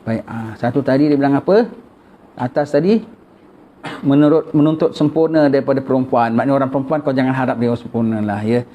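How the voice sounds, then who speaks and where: A man's voice: medium pitch, fairly quick, lo-fi sound, a little hiss or hum. A man with a Malaysian Malay accent teaching a religious text, chatty and repetitive, often tagging "ya". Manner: chatty, repetitive, frequent "ya" tags. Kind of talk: kitab study lecture, reading and explaining.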